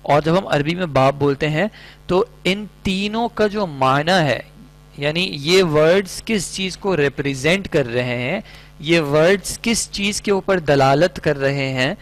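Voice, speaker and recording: A man gives an online Arabic grammar lesson in a slightly higher-than-average voice. He explains patiently, piling up everyday examples one after another. A faint hum sits under the recording. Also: low-quality recording. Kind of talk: online lecture.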